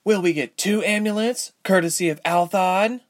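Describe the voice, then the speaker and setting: A man's voice: on the high side, animated, measured pace, pitched above the performer's own voice. A man voicing a defiant young woman captive who sneers and spits her words.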